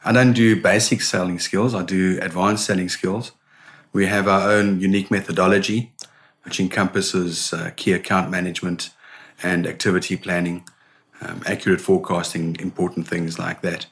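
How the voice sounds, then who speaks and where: A middle-aged man, a sales consultant, answering interview questions in an animated storytelling manner with frequent restarts. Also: low voice, normal speed. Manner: animated storyteller, repeats words when starting.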